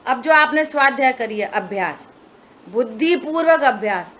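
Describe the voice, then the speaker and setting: A female scripture teacher gives a religious study discourse in a high, expressive, slightly bright voice at a moderate pace, explaining step by step and putting rhetorical questions to her listeners. The lo-fi recording sounds dull, with faint hiss.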